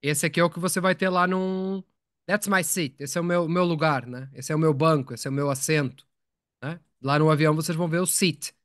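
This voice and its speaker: A man's voice: fairly high pitch, fairly even intonation, brisk, clear, resonant tone, no room sound, studio quality. A man teaching English in a live online lesson, explaining patiently, repeating words and asking his students questions.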